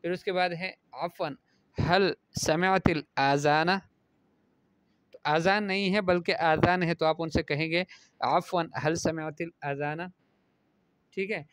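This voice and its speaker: Man teaching Arabic pronunciation, smooth voice. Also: on the high side, fairly even intonation, fairly bright tone, no room sound. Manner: reads Arabic phrases then explains them. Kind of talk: classroom lesson explaining Arabic pronunciation in Urdu.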